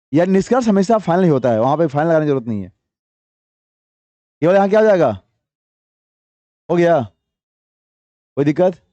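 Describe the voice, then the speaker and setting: An English teacher with a high, mellow voice gives a classroom grammar lesson, reading English sentences slowly, then explaining briskly while coaxing and quizzing students with repeated questions. The audio is dry and close, with no room sound at all.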